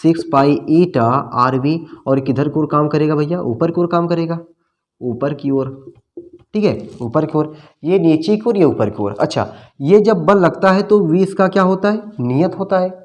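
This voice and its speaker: A man's voice: fairly high pitch, moderate pace, a little mellow. Hindi-speaking man teaching physics, questions aloud. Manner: asks questions and answers them himself, repeating key terms; friendly and colloquial, calls students "bhai" and "babu". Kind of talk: classroom-style lecture at a board.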